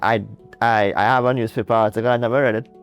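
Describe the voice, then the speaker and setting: A man's voice: mid-range voice, steady tone, quick pace, clean tone, faint music behind. A young Trinidadian man, a guest in an interview, telling his story earnestly with restarts and light laughs. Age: young adult. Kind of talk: casual interview.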